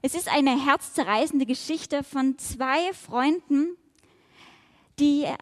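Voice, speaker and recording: A woman reading a children's story aloud and then reflecting on it in a gentle, measured way, in a large hall. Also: high voice.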